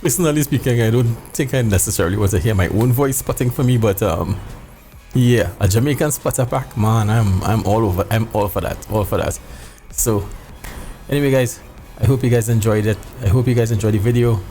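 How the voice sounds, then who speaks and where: A man's voice: lowish voice, brisk, warm tone, soft background music. A middle-aged man giving a casual tutorial to viewers, informal and repeating phrases for emphasis. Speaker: sim racing video host. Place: indoor home room.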